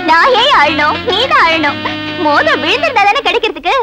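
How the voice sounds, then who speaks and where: A woman's voice: very high voice, very animated, a little fast. An actress playing a scheming young woman who fakes tears to trick a man in a comedy film. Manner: scheming, mock-tearful. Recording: film scene with loud music.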